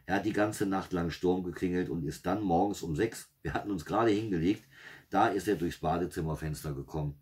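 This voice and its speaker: A man's voice: low voice, brisk, darkish tone, close to an everyday voice. A man reading a story, voicing a harried father who is weary and exasperated. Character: harried father dreading his stalking uncle.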